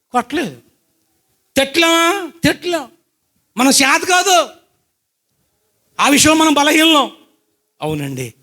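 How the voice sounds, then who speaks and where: A high-voiced man preaching to his congregation, mixing personal testimony with scripture. He tells his story with questions to the listeners and shifts from loud, excited bursts to quiet asides.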